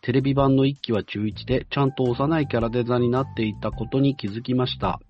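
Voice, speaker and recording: Male host, mid-pitched, reads listener mail in a measured way with hesitant fillers; muffled lo-fi sound over faint music. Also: fairly even intonation. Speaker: radio-style show host. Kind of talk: reading a listener's letter aloud with side comments.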